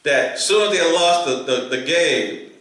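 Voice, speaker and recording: A man from New York co-hosts a casual podcast, talking fast and repeating himself as he pushes a point. His voice is fairly high and bright. The room is very echoey. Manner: quick, repeats himself, asks pointed questions. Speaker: podcast co-host. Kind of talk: casual chat.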